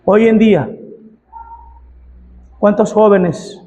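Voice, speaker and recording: A man with a Mexican Spanish accent, a pastor preaching a fervent sermon, often shouting out the pleas he quotes. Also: high-pitched, very slow. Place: church hall. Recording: long reverb of a church hall.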